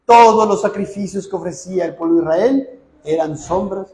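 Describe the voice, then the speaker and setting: A man preaching with a very high voice, firing questions at his listeners and answering them himself. He jumps from loud, urgent bursts to low asides. The room around him rings with echo. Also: normal speed. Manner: questions the congregation, then answers; swings between loud outbursts and dropped low asides. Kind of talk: sermon retelling scripture.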